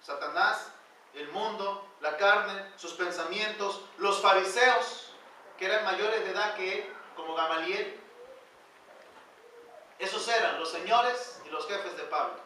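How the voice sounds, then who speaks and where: High, bright-voiced male pastor preaching. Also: slow, slight background noise. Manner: emphatic preaching, rising loud then dropping quiet. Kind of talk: sermon. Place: church. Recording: very echoey church hall, voice from far off.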